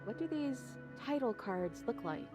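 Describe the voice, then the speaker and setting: A woman's voice: on the high side, animated, unhurried, highs cut off. A woman voicing a chained young princess in a video game, guarded and wry, with game music behind her. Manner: dry, wry, teasing.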